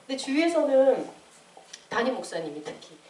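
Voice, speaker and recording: Woman, late 20s, church testimony. Animated storyteller with a mellow tone. Roomy, distant mic. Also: high-pitched, moderate pace. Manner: animated storytelling, acting out quoted voices. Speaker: church member giving testimony. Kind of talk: personal testimony. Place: church hall. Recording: echoey room, distant mic.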